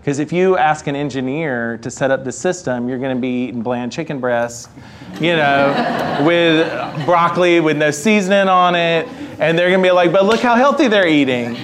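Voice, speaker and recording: A man speaking on a panel discussion in a casual, animated way, often saying "like" and "right.". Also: a little high, moderate pace, a crowd in the background. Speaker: researcher.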